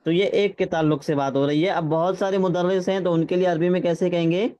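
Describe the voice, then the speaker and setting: A man teaching Arabic grammar in an online class, patiently checking that students follow and reading phrases out slowly. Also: sits high, steady tone, mellow, smooth. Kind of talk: classroom lesson with drills. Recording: slightly dull lo-fi sound.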